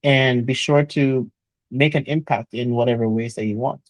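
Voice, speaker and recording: A man, a chemical engineer talking earnestly in an interview, often pausing with "uh" and starting with "so". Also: medium pitch, fairly even intonation, very noisy. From Jamaica. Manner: earnest, motivational, frequent "uh" and "so". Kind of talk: conversational interview.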